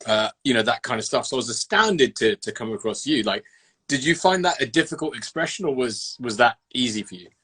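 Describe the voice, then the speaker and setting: A man with a husky, mid-pitched voice hosts a casual interview. He talks loosely and with enthusiasm, swearing freely as he goes. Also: animated, a little fast, pushed and bright. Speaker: host. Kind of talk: casual interview over a phone call.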